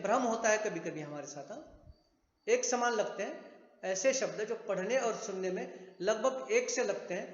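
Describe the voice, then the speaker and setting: Guy teaching grammar, slow and patient, repeats stuff, echoey room with long reverb. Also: sits high. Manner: patient, repeats and spells out sounds. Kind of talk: grammar lesson at a board. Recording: echoey room, dull sound.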